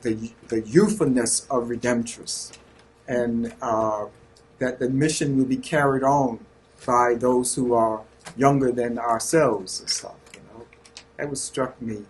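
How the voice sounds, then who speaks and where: A man's voice: medium pitch, fairly even intonation, a little slow, a little hiss or hum. A man in his sixties with a Southern US accent, a Redemptorist priest earnestly sharing reflections with a group and searching for his words. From North Carolina, USA.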